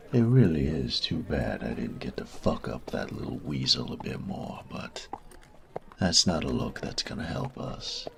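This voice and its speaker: A heavily acted bandit, cocky and boastful, comes from a man with an extremely deep, gravelly voice in a roleplay audio drama. Smug and sadistic, he teases with slow, drawn-out taunts, frequently dropping into a breathy whisper and lingering on pauses, with background noise behind him.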